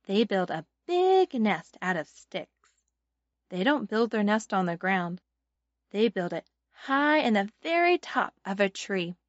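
A woman's voice: mid-range voice, no echo. A woman teaching a children's Bible lesson like a Sunday school teacher, speaking simply to young listeners and asking them easy questions. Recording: dull lo-fi sound, faint music.

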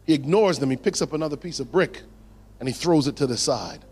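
Male preacher, high voice, dramatic pauses, drops low for emphasis, long hall reverb. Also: lively intonation, darkish tone, breathy edge. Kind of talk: sermon.

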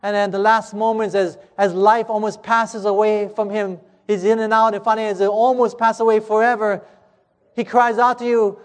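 A man preaching a sermon, telling a parable in a dramatic, emphatic way and slowing down on key words. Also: high-pitched, little pitch movement. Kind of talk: sermon storytelling. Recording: echoey hall.

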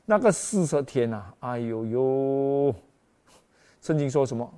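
A man's voice: mid-range voice, measured pace, dark tone, clear, resonant tone. A man preaching a Christmas sermon with emotional, dramatic exclamations, often calling out to the congregation as brothers and sisters.

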